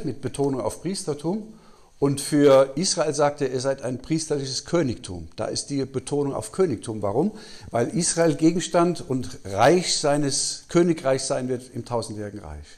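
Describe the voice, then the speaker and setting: A man's voice: medium pitch, a little mellow. A man giving a Bible teaching at a conference, putting questions to his audience, answering them himself and often tagging "ja?". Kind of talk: sermon-style Bible teaching. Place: conference hall.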